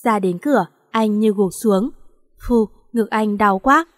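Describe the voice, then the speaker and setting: A woman's voice: mid-range voice, measured pace. A woman narrating a sad melodrama in an emotional, sorrowful way. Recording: long hall reverb.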